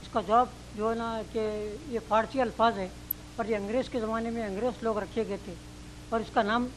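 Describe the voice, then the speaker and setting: A man with a Hyderabadi accent and a fairly high voice asks a question from the audience. He talks plainly and rambles as he explains what he read. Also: fairly even intonation, fairly quick, fairly bright tone, slight background noise, poor audio. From Hyderabad, India. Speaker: audience member asking a question.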